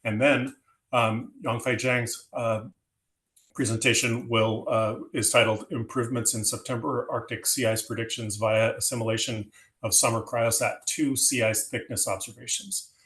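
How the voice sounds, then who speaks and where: Halting man introducing speakers at a meeting. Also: medium pitch, level tone, fairly bright tone, low-quality recording. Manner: halting, hesitant delivery. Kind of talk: semi-formal introduction.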